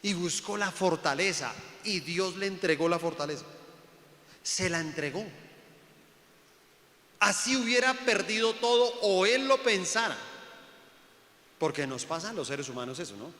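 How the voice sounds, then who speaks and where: A high-voiced, bright man preaching. He swings from loud calls to quiet asides and acts out the voices in his stories. His voice rings with the long reverb of a large hall. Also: expressive, a little slow, long pauses. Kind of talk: sermon.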